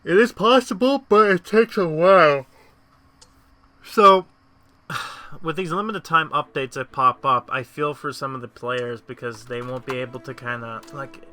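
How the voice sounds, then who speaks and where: This young let's-play host has a slightly high, sharp-toned voice and takes his time as he casually comments on a mobile game. His talk rambles, full of fillers and thoughts that trail off.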